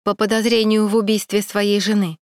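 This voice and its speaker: A woman's voice: mid-range voice, flat delivery, a little fast, darkish tone, no echo, clean studio sound, close to an everyday voice. A woman reading a curt male investigator who speaks in a cold, official tone.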